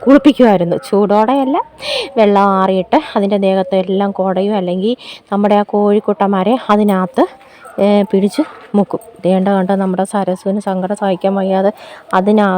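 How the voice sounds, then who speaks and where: A woman's voice: medium pitch, steady tone, brisk, dark tone, slight background noise. A homemaker from Kerala giving a casual walk-and-talk vlog in her garden, chatting to viewers and often asking them to look. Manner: chatty, keeps prompting viewers to look, playful mock laments. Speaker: homemaker and vlogger. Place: outdoors in a home garden.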